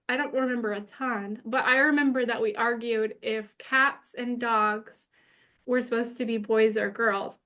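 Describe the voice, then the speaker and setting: Bright high-voiced woman sharing memories. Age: 30s. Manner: chatty storyteller, laughs while recalling. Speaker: organizer of a memorial call. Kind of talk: casual reminiscing on a video call. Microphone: video call.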